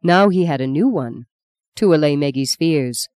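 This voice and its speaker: A woman reads a novel aloud with calm, even delivery. Her voice sits low and mellow, with a warm, dark tone. The recording is dry and close, with no room sound. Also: moderate pace, smooth, dry recording. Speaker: audiobook narrator. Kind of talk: scripted narration.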